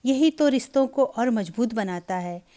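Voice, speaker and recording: A woman's voice: on the high side, expressive, moderate pace, dark tone, lightly acted. A woman voicing a tender, caring older mother in a Hindi storybook reading.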